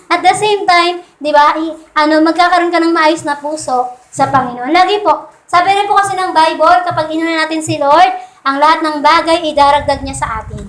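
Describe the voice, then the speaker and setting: In an echoey church hall, a woman with a very high, fairly bright voice preaches a conversational Sunday sermon in Tagalog, mixing in English phrases and often asking listeners to agree.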